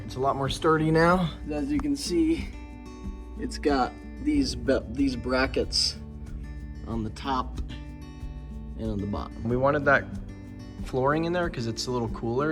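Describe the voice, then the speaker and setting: A man casually talking through a home build, rambling and restarting, now and then chatting to his dog. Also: mid-range voice. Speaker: DIY vlogger. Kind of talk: casual on-camera project talk. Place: indoors at home.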